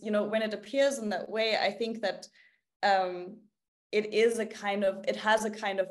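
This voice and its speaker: A woman in her thirties joins an academic panel over a video call. She talks in a thoughtful, hesitant way, full of fillers and restarts as she works through her ideas, at a middling pitch. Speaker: keynote speaker. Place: home room, indoors.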